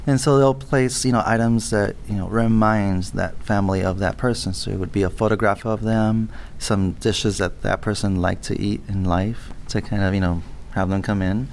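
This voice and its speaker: A man's voice: on the low side, fairly even intonation, normal speed, few pauses, darkish tone, slight background noise. A man born in Mexico and raised in Los Angeles, a college English instructor, explaining things in an interview and often saying "you know". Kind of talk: radio interview guest.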